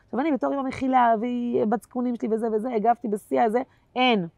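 A woman comedian chatting as a guest in an interview, telling animated stories that swing between loud bursts and quiet asides, with plenty of slangy fillers. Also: fairly high pitch, gravelly, no echo. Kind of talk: casual interview chat.

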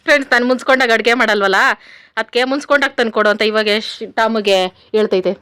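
Far from the mic in a roomy room at home, a woman with a rural Karnataka Kannada accent talks casually to her viewers as if they were friends. She's a home vlogger making a cooking vlog, and her voice is on the high side, fast, pushed and bright. Faint noise sits underneath.

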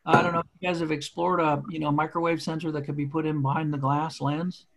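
A man's voice: a little high, little pitch movement, fast talker, a bit bright. A man giving casual, friendly-worded feedback as a webinar attendee. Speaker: audience member giving feedback. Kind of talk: casual question-and-answer chat.

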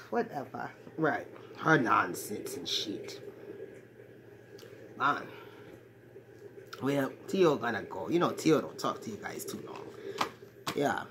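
Very deep and very animated, the woman's exaggerated voice moves slowly with long pauses as she plays a brash, crude man in his 40s who acts like a swaggering ladies' man. It's a comedic monologue to a phone held at arm's length in a small, cluttered bedroom, with background noise.

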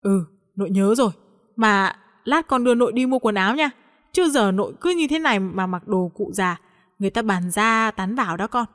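A woman's voice: medium pitch, expressive, brisk, in a large hall, natural voice. Brief: woman voicing a playful, teasing young-again grandmother, storybook. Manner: bubbly, doting, teasing.

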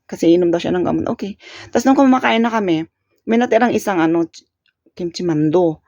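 A woman's voice: on the low side, fast talker, a little mellow, no echo, lo-fi sound. A woman from the Philippines telling a casual story on her vlog, chatty, laughing often and trailing off with fillers. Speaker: vlogger. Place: home in Korea.

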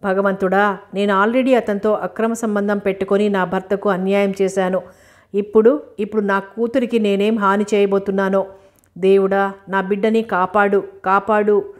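Storybook figure: anguished mother, pleading and fearful, read by a woman in a flat mid voice. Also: mid-range voice, normal speed, lightly acted. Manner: pleading, distressed. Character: anguished mother, guilt-ridden and frightened.

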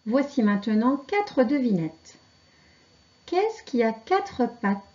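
A woman teaching children to read, pronouncing syllables and words slowly and carefully. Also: a little high, big pitch swings, darkish tone, lo-fi sound. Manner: slow, carefully articulated dictation. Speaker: reading teacher. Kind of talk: slow reading lesson for children.

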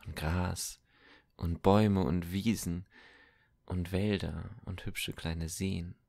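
A man reading a kind, thoughtful teenage boy in an audiobook, gentle and earnest. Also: sits low, fairly even intonation, takes it slowly, creaky, heavily acted.

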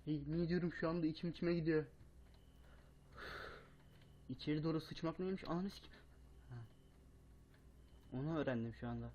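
A young man commentating a horror game, swearing a lot, yelling at scares and muttering between them. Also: on the high side, normal speed, pauses often, lo-fi sound, a little hiss or hum. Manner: swears a lot, panics and yells at scares, then mutters quietly. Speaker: gaming YouTuber.

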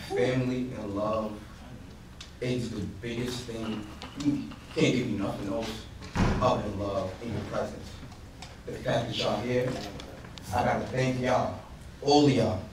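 A man's voice: mid-range voice, unhurried, pauses often, noisy background. A young man, the groom, thanking his guests in a loose, slangy, laughing speech. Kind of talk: casual wedding reception speech. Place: wedding reception hall. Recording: echoey hall, distant mic, crowd behind.

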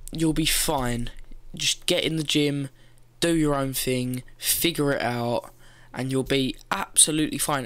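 A teenage boy, a fitness vlogger, gives loose, rambling gym advice from his bedroom, occasionally swearing, speaking into a gaming headset. His mid-range voice has a slightly bright tone.

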